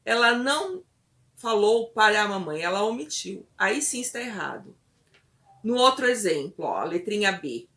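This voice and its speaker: A woman instructor patiently explaining a test step by step, often pausing to check in with her listeners. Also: mid-range voice, big pitch swings, pushed and bright.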